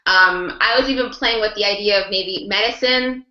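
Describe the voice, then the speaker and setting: Speaking at a moderate pace in a medium-pitched voice, a woman guides a group of sign language interpreters through examples during an online class discussion. She is encouraging and often rephrases and repeats herself. The audio sounds dull and reverberant.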